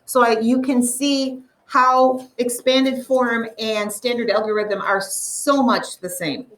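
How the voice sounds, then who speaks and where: A woman teaching a math lesson to a classroom, explaining step by step and slowly drawing out the numbers. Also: fairly high pitch, steady tone, far from the mic, rough recording.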